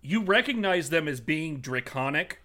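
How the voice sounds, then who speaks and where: A man's voice: fairly high pitch, animated, normal speed, sharp tone. A man narrating as game master of a tabletop game, hesitant with many fillers as he explains.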